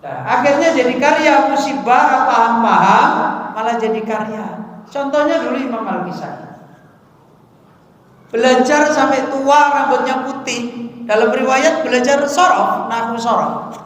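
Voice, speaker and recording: A man giving a lively sermon in a mosque, telling stories, asking his listeners questions and reciting Arabic text. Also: very high-pitched, measured pace. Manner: lively storytelling, asks the audience questions; mixes in Javanese words and recites Arabic text. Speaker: ustadz. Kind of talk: mosque study-circle sermon. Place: mosque hall. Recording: very echoey mosque hall.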